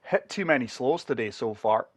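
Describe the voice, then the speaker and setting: Struggling for breath from a chest infection, this man hosts a gaming channel and gives chatty, casual commentary on a golf video game, explaining each shot to viewers. His mid-range voice is expressive and moves at a moderate pace, captured in a dry recording.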